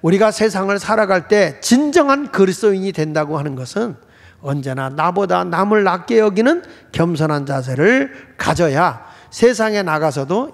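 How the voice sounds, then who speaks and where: A male pastor preaching a sermon in a storytelling style, with rhetorical questions to the congregation. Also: sits high. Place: church sanctuary. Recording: reverberant church hall.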